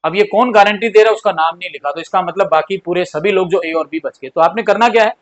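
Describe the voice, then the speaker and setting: High-pitched and fast, a man teaches accounts like a classroom lecturer, going over key points again and again and mixing in terms. His style is repetitive: he drills points and acts out partners pleading.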